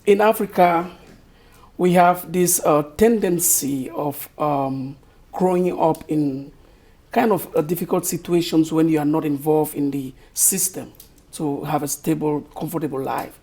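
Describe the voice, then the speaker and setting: Speaking as an author guest with a Cameroonian accent, this middle-aged man from Cameroon answers questions thoughtfully and slowly, frequently searching for words. His voice leans high, with a steady, warm tone.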